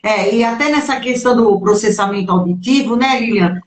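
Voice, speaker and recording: A woman's voice: fairly high pitch, fairly quick. A woman hosting a channel interview on a video call, speaking hesitantly with fillers and tag questions. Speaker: channel host. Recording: echoey room on a video call.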